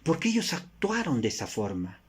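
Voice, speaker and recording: A man from Peru with a Peruvian Spanish accent preaching a sermon, asking rhetorical questions and moving between emphatic rises and soft drops. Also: on the high side, wildly swooping pitch, fairly quick, husky.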